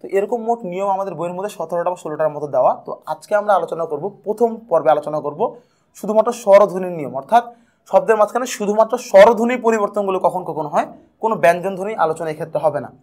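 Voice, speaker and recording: A young man teaching an exam prep lesson, lively and playful, repeating key points. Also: high-pitched, rapid-fire.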